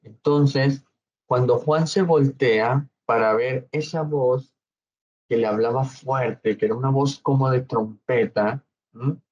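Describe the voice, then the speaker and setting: A man preaching a slow, measured Bible study sermon as pastor, often checking in with his congregation. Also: mid-range voice, steady tone, darkish tone, lo-fi sound.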